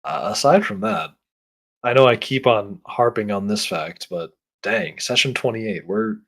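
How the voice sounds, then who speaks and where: A man running a tabletop game, narrating and chatting casually in halting, hesitant phrases. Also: medium pitch, expressive, creaky, a bit bright. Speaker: game master.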